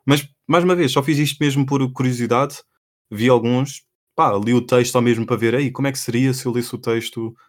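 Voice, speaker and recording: A man's voice: medium pitch, fairly quick. A young man with a European Portuguese accent co-hosting a casual podcast, rambling loosely with lots of filler words. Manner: relaxed, rambling, many fillers like pá and epá. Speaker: podcast co-host.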